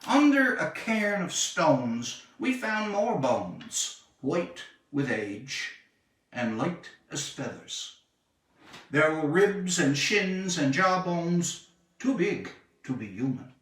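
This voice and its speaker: An author reads his own short story in a fairly high, bright voice whose pitch rises and falls dramatically. His phrasing is measured and deliberate, with expressive emphasis and purposeful pauses. The distant microphone picks up an echoey, roomy space.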